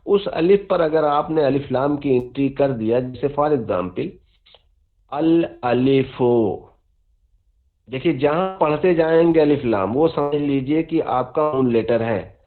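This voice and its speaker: A man's voice: a little high, expressive, a little slow. A man teaching Arabic grammar, patiently repeating examples and checking that students follow. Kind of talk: classroom explanation. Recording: dull lo-fi audio.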